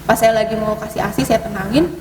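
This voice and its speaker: A woman telling ghost stories in casual conversation, hesitant, with many fillers and sudden rises in pitch. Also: fairly even intonation, quick pace, a little mellow. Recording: distant mic, echoey hall, noisy.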